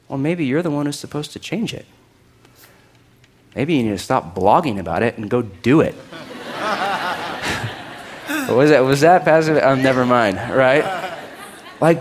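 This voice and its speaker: A middle-aged man preaching a sermon to a congregation, joking often and acting out listeners' doubts. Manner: lively, joking, acts out listeners' doubts in a higher voice. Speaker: pastor.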